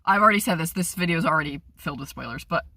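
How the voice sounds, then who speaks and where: A young woman talks straight to her vlog audience in a loose, rambling way, her feelings running close to the surface. She keeps starting over and cutting herself off. Her voice sits a little low, and the sound is dry and close. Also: quick pace, sharp tone, dry recording. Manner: rambling, emotional, self-interrupting. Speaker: vlogger. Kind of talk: casual vlog monologue.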